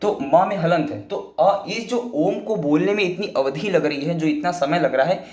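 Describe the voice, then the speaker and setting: A man's voice: fairly high pitch, moderate pace, a little mellow. Man patiently teaching, echoey room. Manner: repetitive, patient explaining with many restatements. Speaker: Sanskrit teacher. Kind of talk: explanatory classroom lesson.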